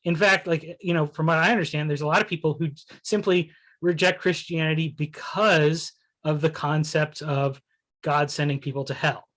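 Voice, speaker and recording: A man's voice: on the high side, steady tone, moderate pace, a bit bright. A man in a casual philosophical conversation, thinking aloud with many restarts and "you know"s. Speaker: essay writer discussing his ideas.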